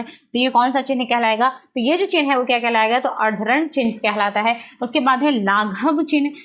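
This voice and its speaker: A woman teaching a Hindi grammar lesson, who repeats her points and asks herself questions before she answers them. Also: on the high side.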